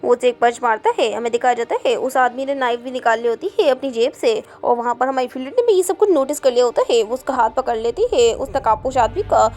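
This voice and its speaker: A woman narrating a story recap in a fast, animated retelling. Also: fairly high pitch, soft background music.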